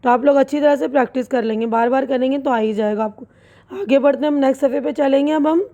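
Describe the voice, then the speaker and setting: A woman's voice: high voice, fast, dark tone, muffled recording. A woman teaching letters to young children online, patiently spelling words out letter by letter and often checking with "right?". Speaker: Urdu teacher.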